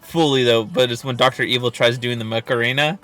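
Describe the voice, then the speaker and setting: A man's voice: medium pitch, steady tone, brisk, music in the background. A man co-hosting a casual mukbang chat, candid and easygoing, swearing freely. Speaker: mukbang co-host.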